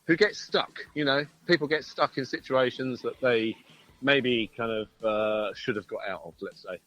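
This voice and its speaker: Outside a pub, a band musician takes a phone interview on his Bluetooth headset, chatting in a casual, jokey, rambling manner. He has a medium-pitched, slightly bright voice at normal speed, captured in a rough recording.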